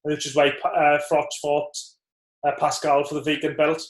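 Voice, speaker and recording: A man's voice: fairly high pitch, monotone, normal speed. A man, a former boxer co-hosting a casual podcast, recalling memories thoughtfully. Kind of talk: casual chat. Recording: roomy echo.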